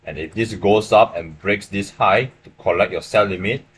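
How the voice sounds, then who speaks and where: A man's voice: on the low side, moderate pace, a bit bright, slight background noise. A young man from Malaysia with a Malaysian English accent, casually walking viewers through his trades on a live stream and often checking in with "right?". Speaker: livestream forex trader. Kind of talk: live trading stream commentary. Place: small room indoors.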